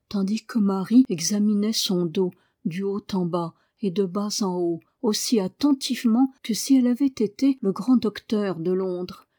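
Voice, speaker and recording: A woman reading a novel aloud as audiobook narration, measured and expressive. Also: medium pitch. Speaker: audiobook reader. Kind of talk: scripted narration.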